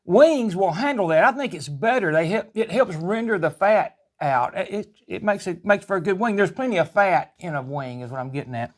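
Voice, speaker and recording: A man with a notably high voice and a Southern US accent hosts a home cooking vlog. He talks in a casual, folksy manner, rambling along chattily as he demonstrates. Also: animated, moderate pace, few pauses.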